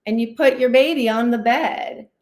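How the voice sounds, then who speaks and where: A woman guest therapist, a licensed clinical social worker, explains things animatedly in a livestream interview, her voice a little high, a little mellow, at normal speed. She acts out inner dialogue and keeps checking in with "right?". The room sounds roomy and echoey.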